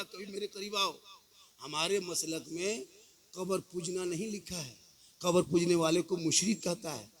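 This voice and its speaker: A man in his fifties with a Jharkhand Hindi accent, preaching to a crowd on a microphone, shifting from quiet reasoning to shouted, sung declamation with humorous rhetorical questions. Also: sits high. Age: 50s. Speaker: Islamic preacher. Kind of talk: sermon to a crowd. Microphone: mic through a loudspeaker system.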